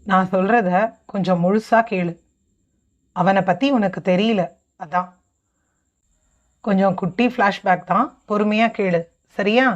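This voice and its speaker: A woman voicing a caring young sister-in-law who teases gently and confides a family story, on a dull lo-fi recording. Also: medium pitch, steady tone, a little slow, pauses often, close to an everyday voice. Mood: confiding.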